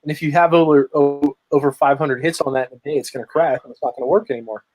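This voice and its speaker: A man's voice: on the high side, fairly even intonation, fast, darkish tone, husky. A man telling a story in casual chat on a video call, tagging his sentences with "right?". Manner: rambling storytelling, tags lines with "right?". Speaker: podcast guest, marketer.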